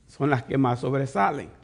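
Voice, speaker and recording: A pastor preaches a sermon that works as a Bible study, explaining words step by step and leaning on quoted questions. His voice is medium-pitched and gravelly.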